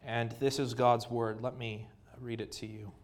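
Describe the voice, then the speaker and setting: In a flat, mid-range voice, a man with a Canadian accent delivers a sermon. He reads scripture and prays in an earnest way, often pausing and using fillers.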